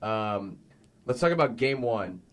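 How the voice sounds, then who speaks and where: A man's voice: fairly low pitch, lively intonation, unhurried, a bit bright. Laid-back man hosting sports chat. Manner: easygoing, repeats words, laughs often. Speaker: podcast host. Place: podcast recording.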